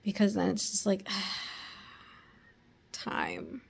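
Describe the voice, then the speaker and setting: Chatting from home to her camera, a young female vlogger rambles with fillers and whispered asides in a slightly raspy, mid-range voice. Her pitch swings widely and she draws out her words.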